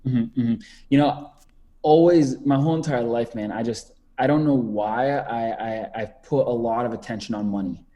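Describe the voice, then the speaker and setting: A Canadian man in his twenties, guesting on a podcast over a video call, rambles casually with lots of fillers and repeated words. His voice is warm and medium-pitched at a moderate pace, though the audio sounds dull.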